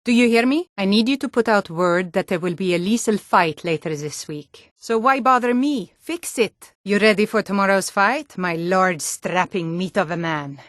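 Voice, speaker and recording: An actress voices a hardy, no-nonsense Nord townswoman and guard in a fantasy video game, speaking firmly and plainly in a stern, commanding mood. Her natural, medium-pitched voice moves at normal speed with hardly any pauses. The scripted dialogue is recorded with clean studio sound and no room tone.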